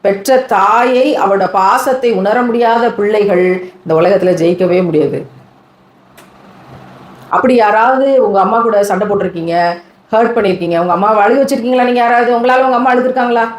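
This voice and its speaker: A woman preacher giving an animated sermon to young people, acting out what children and mothers say. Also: mid-range voice, a little fast, echoey room, rough recording. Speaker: Islamic preacher.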